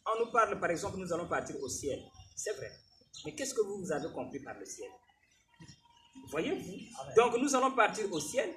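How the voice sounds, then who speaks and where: A man's voice: high-pitched, far from the mic, a little hiss or hum. A man preaching a sermon who keeps asking his listeners whether they follow him. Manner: animated, questioning the congregation.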